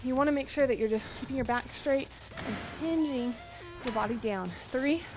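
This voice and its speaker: A young woman with a high voice leads an exercise class as an aerobics instructor. She coaches and counts down in an encouraging, motivational way, with music clearly playing behind her. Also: moderate pace, rough recording. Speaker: fitness instructor. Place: outdoor covered wooden deck by a pond. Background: workout music.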